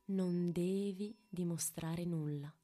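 A woman leading a guided meditation in a hushed, intimate voice right by the ear, with long pauses between short phrases. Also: fairly low pitch, fairly even intonation, soft background music. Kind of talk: guided meditation, slow and soothing.

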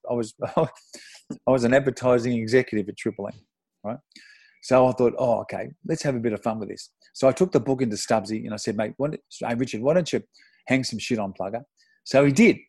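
Middle-aged aussie guy, husky voice, dry close mic, swears a lot telling old footy stories. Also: mid-range voice, no room sound. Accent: Australian. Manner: animated anecdote with swearing and self-deprecating laughs. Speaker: podcast guest, former footballer. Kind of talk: casual storytelling.

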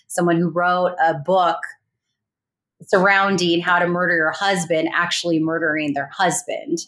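A woman's voice: fairly low pitch, level tone, normal speed, a bit bright. A woman recounting a real crime in a casual interview, hesitant with many fillers and restarts. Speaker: guest recounting a colleague's murder.

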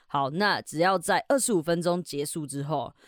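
In clean studio sound with no echo, this English teacher and podcast host from Taiwan speaks with a low voice at a moderate pace and a Taiwanese Mandarin accent. She reads English lines out loud, then breaks them down in chatty Mandarin.

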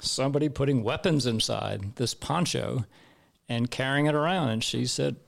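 A man's voice: mid-range voice, normal speed, vocal fry. A man commenting on a trial in a casual panel discussion, emphatic and repeating words for stress. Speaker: legal commentator.

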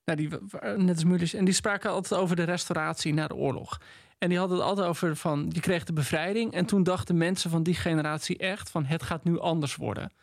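A man with a fairly high, gravelly voice reflects in a casual literary chat, pausing and restarting as he thinks. The sound is dry and close. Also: fairly even intonation, dry recording. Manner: reflective, thinking aloud with hesitations. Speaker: podcast co-host.

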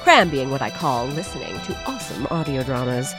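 With a bass voice, big swings in pitch and a slightly fast pace, a woman opens a podcast through a playful, mock-dramatic and quirky comic introduction. Music plays underneath.

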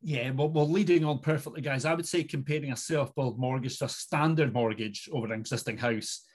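A middle-aged man with a Scottish Highland accent, talking conversationally as an expert guest in an interview. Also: fairly quick, slightly rough. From Inverness, Scottish Highlands.

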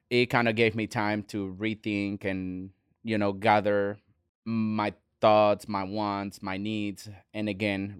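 A man, a restaurant owner talking as a guest in an earnest, halting way with many restarts. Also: on the low side, smooth, no room sound, studio quality. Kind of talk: casual interview talk.

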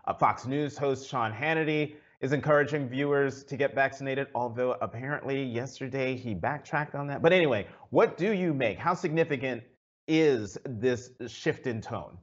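A man's voice: medium pitch, normal speed, highs cut off. A man hosting a news interview show, asking questions with frequent "uh" fillers. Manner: hesitant, many uh fillers.

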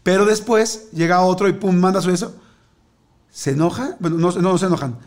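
A man's voice: high voice, fairly quick, darkish tone. A man, chatting casually and telling a rambling story full of fillers. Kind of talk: casual chat.

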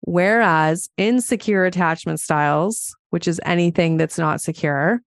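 A woman's voice: lowish voice, measured pace, no echo, studio quality. A woman from Montana hosting a solo podcast as a psychologist, chatty and explanatory. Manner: chatty, explanatory, laughs now and then.

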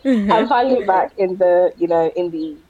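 A woman's voice: on the low side, animated, a little fast, phone-quality sound, a loud crowd. A woman in her late twenties with a South London accent, chatting casually as a podcast co-host. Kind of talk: casual chat. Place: remote virtual recording. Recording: clear background noise on virtual call.

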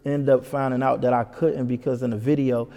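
A man telling a story as an interview guest, animated and full of "you know what I'm saying.". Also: medium pitch, a little fast, in a large hall. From Detroit. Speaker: comedian guest.

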